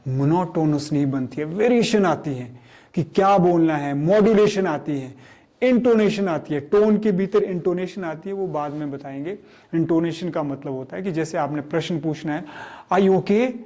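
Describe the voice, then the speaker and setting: A man teaching communication skills, speaking slowly and deliberately, asking questions and then answering them himself. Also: fairly high pitch, dark tone. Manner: slow, deliberate teaching delivery, drawing out and repeating key words; mixes English terms into Hindi explanations. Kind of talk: spoken lesson on communication skills.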